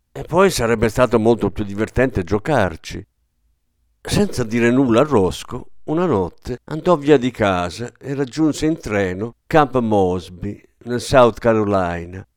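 A man narrating a story aloud in an expressive, scripted reading. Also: medium pitch, no echo, clean studio sound. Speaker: audiobook narrator.

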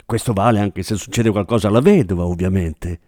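A man's voice: lowish voice, brisk, darkish tone, no room sound, clean studio sound, natural voice. A man voicing a hard-bitten middle-aged partner in crime, blunt and combative. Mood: threatening.

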